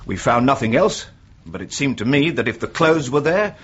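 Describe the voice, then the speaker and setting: An actor playing a frustrated, dogged police inspector in a radio drama, husky and grumbling in an earnest way. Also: male voice, medium pitch, very animated, normal speed, a bit bright. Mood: challenging, smug. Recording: dull radio recording.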